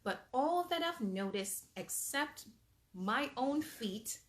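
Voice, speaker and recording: Reading a picture book expressively to children at storytime, a woman with a fairly high voice takes her time. She's animated and pauses for patient, parental asides.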